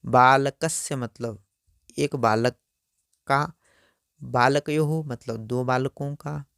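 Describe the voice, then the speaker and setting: A man gives a slow grammar lesson with a gravelly edge to his voice. He recites each word form carefully and deliberately. The sound is dry and close, with no room around it. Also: medium pitch, steady tone, fairly bright tone, no echo. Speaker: Sanskrit teacher.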